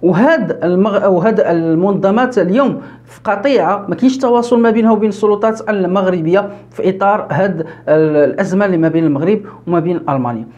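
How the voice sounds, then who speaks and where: Moroccan male commentator, quick and high-pitched, filler-heavy delivery, dull lo-fi sound. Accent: Moroccan Arabic. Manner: fast, animated, frequent fillers and self-corrections. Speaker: YouTube news commentator. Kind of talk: casual political commentary.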